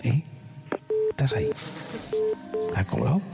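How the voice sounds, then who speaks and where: A man's voice: fairly high pitch, huge pitch swings, measured pace, creaky, heavily acted. A man playing a pushy, joking fake priest on a prank phone call, rambling through mock-solemn prayers and gibberish.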